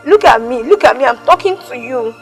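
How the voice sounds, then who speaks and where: A woman's voice: medium pitch, expressive, unhurried, soft background music. A woman with a Nigerian accent playing a scornful young wife who sharply confronts her husband in a film. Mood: scolding. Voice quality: sharp, scolding. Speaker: angry wife.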